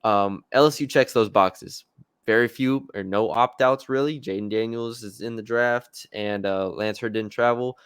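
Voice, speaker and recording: Smooth-voiced man in casual sports chat. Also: medium pitch, normal speed, no echo, studio quality. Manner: conversational, hesitant with fillers and restarts. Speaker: sports podcast co-host.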